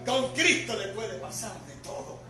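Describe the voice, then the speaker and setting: An older man preaching a sermon as pastor, swinging between loud bursts and quiet drops. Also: high voice, lively intonation, unhurried. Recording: echoey hall from far off with music.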